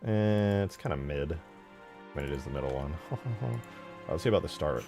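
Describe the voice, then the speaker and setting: Rumbling low with vocal fry, this man is animated yet unhurried. He's a game modder hosting his channel, casually commenting on his screen as he works on a mod and thinking aloud in sweary, informal language over background music.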